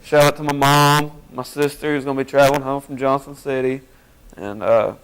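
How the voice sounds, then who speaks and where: Young guy on a talk show, chatty and rambly, really smooth clear voice. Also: medium pitch, level tone, brisk, rough recording. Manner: chatty, rambling shout-outs. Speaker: guest. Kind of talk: casual chat.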